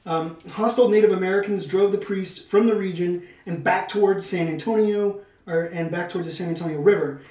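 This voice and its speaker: With a high, darkish voice and fairly even intonation, this podcast host talks fairly quickly and hardly pauses. His mix of semi-scripted narration and playful, casual banter carries a theatrical touch, and the distant microphone picks up a roomy echo.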